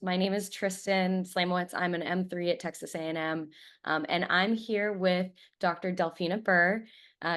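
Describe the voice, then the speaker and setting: A woman in her twenties, a medical student hosting a podcast interview, asking measured, friendly questions. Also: on the low side, a bit bright.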